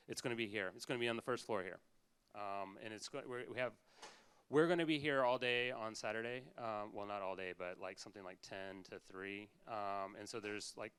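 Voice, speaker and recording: A man making a halting, informal announcement to a meetup crowd, full of ums. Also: on the low side, fairly bright tone, a little hiss or hum. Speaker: community event organizer. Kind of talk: announcement pitch.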